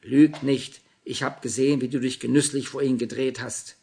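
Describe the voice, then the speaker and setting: A man voicing a pushy, excitable young woman, insistent and gushing, with a husky, gravelly voice. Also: medium pitch, moderate pace. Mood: scolding. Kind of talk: audiobook reading.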